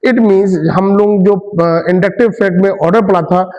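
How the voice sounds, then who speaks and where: A man's voice: sits high, fairly even intonation, a little slow, a little mellow, long reverb tail, lo-fi sound. A male chemistry teacher giving a classroom lecture. He mixes Hindi with English terms and keeps asking students questions, then answers them himself.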